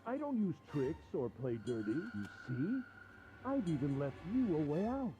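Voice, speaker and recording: A man's voice: on the high side, very animated, unhurried, dark tone, muffled recording, voice pushed down. A man voicing a cruel, mocking man who runs a deadly experiment, taunting and laughing over game music.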